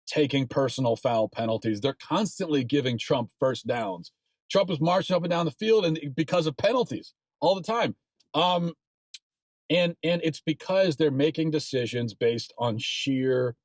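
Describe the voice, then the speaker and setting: A man's voice: mid-range voice, no room sound. A man delivers solo political commentary in a mid-range voice, building his arguments and leaning into emphatic, insistent points. He is recorded close on the mic in a dry studio with no room sound. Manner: sports analogies.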